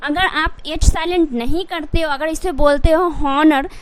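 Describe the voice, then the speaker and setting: High-voiced woman drilling pronunciation rules. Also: moderate pace, slight background noise. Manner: repetitive, drilling, asks and answers own questions. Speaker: English teacher. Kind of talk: Hindi English pronunciation lesson.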